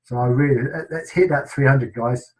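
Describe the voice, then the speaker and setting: A man's voice: medium pitch, normal speed, darkish tone, poor audio. A middle-aged man with an English accent, hosting a team sales webinar in a casual, enthusiastic way with many ums and restarts.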